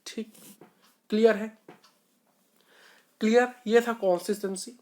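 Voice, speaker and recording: A man talking to camera as an online tutor, coaching school students on how to study. His delivery is earnest and repetitive, informal rather than polished, with loud stressed points and softer asides. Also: high voice, steady tone, slow pace. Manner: earnest and repetitive, often saying "bhai sahab". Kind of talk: motivational study-advice talk to camera.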